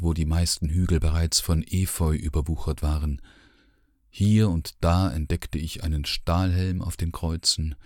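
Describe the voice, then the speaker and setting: Very deep, slow male narrator. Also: darkish tone, dry recording, studio quality. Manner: measured, sombre first-person narration. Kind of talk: literary audiobook narration.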